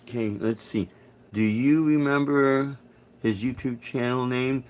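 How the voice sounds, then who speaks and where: Here a musician from Chicago in middle age takes viewer comments on his live stream, speaking casually and haltingly with many false starts. His mid-range voice stays steady and unhurried against a noisy background.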